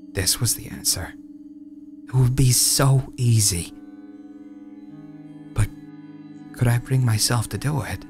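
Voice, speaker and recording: A man narrates a dark first-person tale in a low voice with a crackly, gravelly edge. His delivery is brooding and hushed, halting for dramatic pauses. Music plays clearly underneath. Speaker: narrator reading a horror short story. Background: background music.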